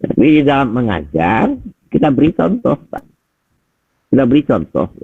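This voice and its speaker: A man's voice: mid-range voice, huge pitch swings, moderate pace, no echo. Man giving feedback over a tinny call. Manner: conversational, addresses listeners as Pak and Bapak Ibu, rhetorical questions. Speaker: teacher trainer giving feedback. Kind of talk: video call feedback session. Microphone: video call. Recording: husky voice over tinny video call audio.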